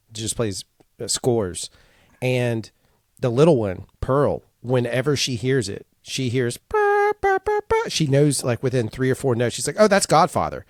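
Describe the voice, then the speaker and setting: Man, podcast co-host, casual chat, laughing, halting, mid-pitched, dry close sound. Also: a little mellow, no room sound. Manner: laughing, self-deprecating, halting.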